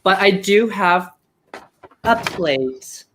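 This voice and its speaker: A drag queen in his thirties co-hosting a live chat show, sassy with quick quips. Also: sits high, expressive, fairly bright tone, slight background noise.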